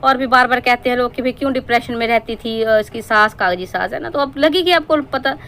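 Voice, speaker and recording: A woman's voice: fairly high pitch, a little fast, a bit bright, a little hiss or hum. A woman from Himachal Pradesh giving a scolding, sarcastic roast monologue as a reaction-channel commentator, lecturing her target at length.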